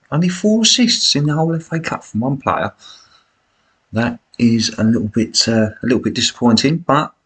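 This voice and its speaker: Pitched fairly low with a fairly bright tone, a raspy-voiced British man coughs now and then as he streams a football management game live. His commentary is chatty, blokey and self-deprecating.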